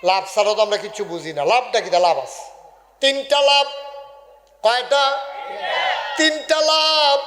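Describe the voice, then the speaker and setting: Man, high-pitched, preacher, humorous sermon, call-and-response with the crowd, long loudspeaker reverb. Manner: shouts key words, sings some phrases. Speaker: Islamic preacher. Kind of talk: humorous sermon at a religious gathering. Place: large religious gathering over loudspeakers.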